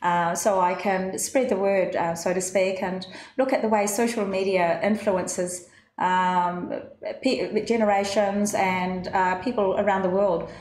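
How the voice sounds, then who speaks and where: Nz woman talking as a studio guest, pauses and ums a lot, roomy sound. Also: mid-range voice, fairly even intonation, a little mellow. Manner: hesitant, many fillers. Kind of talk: studio interview. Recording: echoey studio, faint noise.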